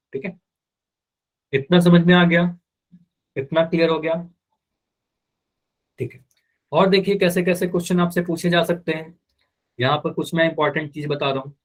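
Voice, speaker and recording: A man teaching math in a live online class, asking students questions over and over and voicing their answers back. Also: on the high side.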